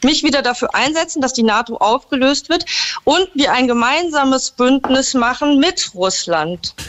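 A woman arguing her position in a heated debate, halting and restarting often but holding her ground. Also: high-pitched, expressive, fairly bright tone, dull audio. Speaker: guest.

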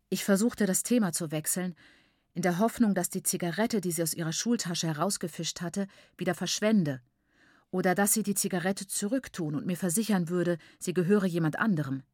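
Reading an audiobook, a woman keeps her storytelling steady and measured in a voice on the low side. It's studio-quality audio with no audible room.

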